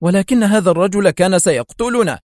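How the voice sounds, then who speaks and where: A man's voice: on the high side, animated, fast talker, darkish tone, no echo, studio quality, lightly acted. A man voicing an eager young male agent protégé in an audiobook, seeking approval.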